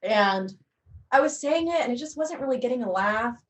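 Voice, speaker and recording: Animated woman telling a story, roomy sound. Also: on the high side, moderate pace, a little hiss or hum. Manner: animated storyteller, acts out her lines. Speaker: actor panelist. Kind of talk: casual anecdote on a virtual panel. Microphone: video call. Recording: roomy, distant from the mic.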